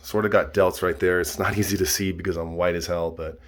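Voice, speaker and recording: Casual male fitness vlogger, 30s, lowish voice, rambling, repetitive check-ins. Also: level tone, brisk. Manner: repeats himself, checks in with "okay?" and "all right?".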